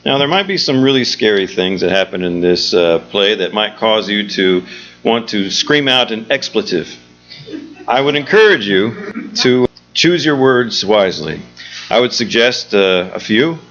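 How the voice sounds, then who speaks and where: A theatre executive director hosting a show greets the live audience with an informal, joking speech, speaking as director and host. His fairly low voice is animated and fairly bright, at a measured pace. Music plays behind him on a dull, lo-fi live recording.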